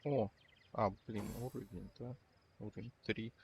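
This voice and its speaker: Low creaky man muttering over a game. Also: steady tone, normal speed, slight background noise. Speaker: gamer. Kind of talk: casual muttered game commentary.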